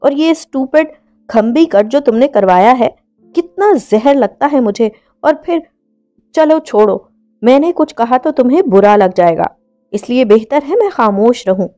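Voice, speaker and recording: A woman's voice: on the high side, expressive, unhurried, warm tone, faint music behind. A woman voicing a hot-tempered young man who scolds his fiancée in a read-aloud story. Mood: exasperated. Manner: scolding, exasperated.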